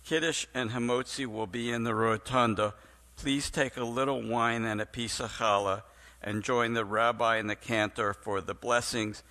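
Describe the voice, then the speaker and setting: A man reading congregation announcements in a slow, measured way. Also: mid-range voice, sharp tone. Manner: slow and measured, clearing his throat. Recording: reverberant hall.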